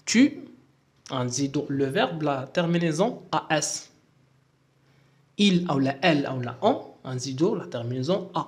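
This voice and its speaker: A man with a Moroccan accent explaining French verb endings in a lesson and spelling out endings letter by letter. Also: on the high side. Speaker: French teacher.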